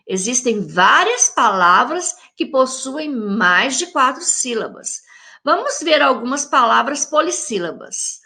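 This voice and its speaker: A woman teacher with a Brazilian Portuguese accent, speaking to children at an unhurried pace. Her voice is bright and fairly high, and her pitch moves up and down a lot. She draws out example words slowly and talks to her pupils directly. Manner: slow, drawn-out syllables when saying example words; addresses young pupils directly, friendly teacher tone. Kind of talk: recorded classroom lesson for children.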